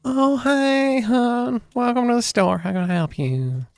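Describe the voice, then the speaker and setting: A man's voice: extremely high pitch, unhurried, vocal fry, dry recording, pitched above the performer's own voice, full character voice. A man voicing a gushing elf shopkeeper woman in a sing-song, fussy manner.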